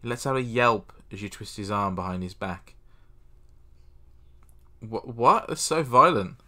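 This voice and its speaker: A young man casually playing a text adventure, reading the game's text aloud and adding deadpan, self-mocking asides at a desk mic. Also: fairly low pitch, a little slow. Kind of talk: casual let's-play commentary.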